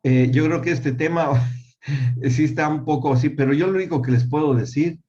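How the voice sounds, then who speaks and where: An older man, a family ministry speaker, gives a church teaching talk about family, repeating key words for emphasis and checking that listeners agree. His voice is a little high and mellow at a normal speed, heard through dull lo-fi sound.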